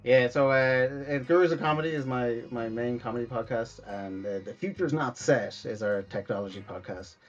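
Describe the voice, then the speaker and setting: A man in his thirties with an Irish accent, his voice mid-range and muffled on the recording, chats as a comedian guest on a podcast. He talks at a normal speed with hardly any pauses, rambling and restarting often and acting out quoted voices in this casual interview.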